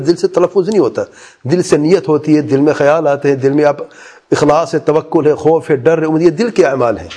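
Male religious teacher, slightly high, mellow voice, patient explainer who quizzes the class. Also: slightly rough. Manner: explanatory, poses questions to listeners; softly demonstrates quiet recitation. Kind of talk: Islamic jurisprudence lesson.

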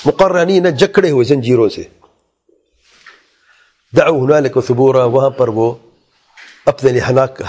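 A man's voice: medium pitch, warm tone, husky. A man teaching a Quran exegesis lesson. He recites Arabic verses in a raised chant, explains them plainly, and asks his listeners rhetorical questions.

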